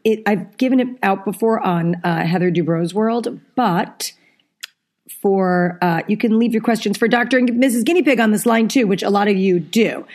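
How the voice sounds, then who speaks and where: A woman co-hosting a podcast in chatty, casual talk, quick to laugh. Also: medium pitch, darkish tone. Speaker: podcast co-host. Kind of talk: casual chat.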